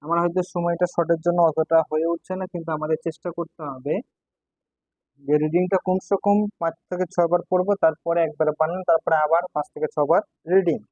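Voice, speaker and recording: A man's voice: on the high side, fairly even intonation, fast talker, darkish tone, no room sound. A man teaching Quran reading, patiently spelling out syllables and repeating each word several times. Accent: Bangladeshi Bengali. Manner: patient, syllable-by-syllable drilling with repetitions. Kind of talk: spelling and recitation lesson. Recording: dull, lo-fi sound.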